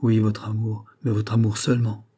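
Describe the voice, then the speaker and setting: A male reader playing a tormented nobleman who implores and protests in a dark, mellow voice. A husky grain runs through his storybook delivery. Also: fairly low pitch, completely flat delivery, moderate pace. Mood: overwhelmed. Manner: anguished, imploring. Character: anguished nobleman, a proud minister. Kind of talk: audiobook reading of a classic novel.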